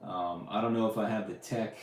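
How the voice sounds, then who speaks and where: A podcast host fields live questions during a casual livestream, talking loosely and often restarting or using fillers. His fairly low voice stays fairly even and brisk, heard with a roomy echo and slight background noise.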